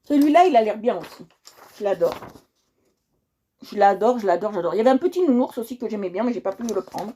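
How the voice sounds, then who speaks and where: A woman's voice: mid-range voice, lively intonation, fast talker, long pauses, dark tone. A woman hosting a casual coloring livestream, chatty and talking straight to her viewers, often repeating herself.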